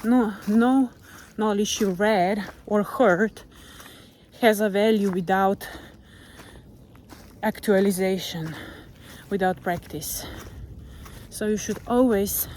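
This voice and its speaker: A woman with a Slovenian accent speaks English as a second language in a gentle, reflective motivational vlog, talking to the camera she holds while on a nature walk outdoors. Her medium-pitched voice is slow and fairly even, with frequent pauses as she sometimes searches for words. There's a little hiss or hum.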